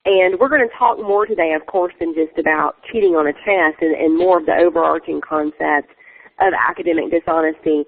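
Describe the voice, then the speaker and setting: A woman's voice: low-pitched, a little fast. Southern woman, nasal from a sore throat, earnest webinar presenter, thin phone-line sound. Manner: earnest, many fillers.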